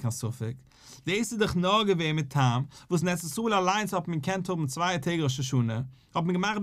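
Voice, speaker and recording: A man with a Yiddish accent teaches a daily Talmud class. His voice sits a little high, and it jumps up when he plays out the back-and-forth of the sages. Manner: animated, acts out questions and answers between sages.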